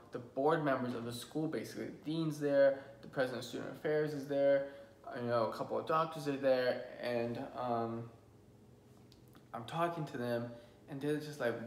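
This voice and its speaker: A young man in his twenties telling a personal story to camera in an earnest, emotional vlog, stumbling and restarting often. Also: mid-range voice. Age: 20s. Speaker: vlogger. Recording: roomy with faint background hum.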